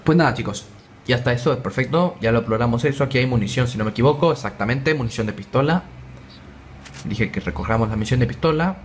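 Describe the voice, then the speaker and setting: A young man giving chatty, excitable let's play commentary, joking with viewers as he plays. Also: medium pitch, fast talker, a little hiss or hum. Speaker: gaming YouTuber.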